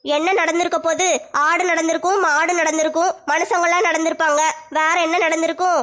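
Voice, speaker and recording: A woman playing a scheming, sharp-tongued mother-in-law in a comic family sketch. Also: very high-pitched, little pitch movement. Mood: sarcastic. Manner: scolding, sly, fast-talking. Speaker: comedy sketch actor.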